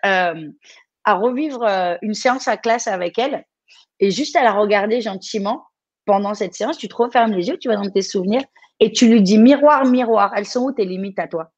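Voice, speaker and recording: A woman's voice: mid-range voice, darkish tone, no room sound. A woman from France coaching someone live, speaking directly and encouragingly with frequent restarts.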